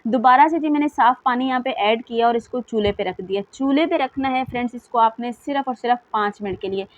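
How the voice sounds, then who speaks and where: A woman's voice: fairly high pitch, fast talker, dry recording, lo-fi sound. A woman giving a chatty, repetitive voice-over for a home beauty recipe, addressing viewers as friends. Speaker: beauty vlogger.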